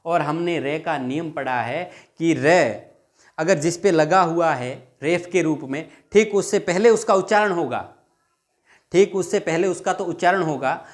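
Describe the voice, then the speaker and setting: Higher-pitched man teaching a grammar lesson. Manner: explains patiently, repeats words slowly, asks students questions; dictates rules word by word. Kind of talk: exam-prep lesson.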